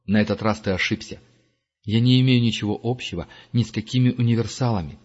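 Man doing a curt gruff tracker, husky voice, dull lo-fi sound. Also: on the low side, quick pace, darkish tone, natural voice. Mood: irritated. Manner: curt, irritated. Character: gruff irritable male tracker. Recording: dull lo-fi recording.

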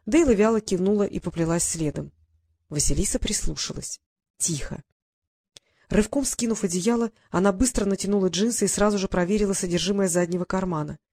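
A woman narrating an audiobook story in a steady, even storytelling voice. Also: mid-range voice.

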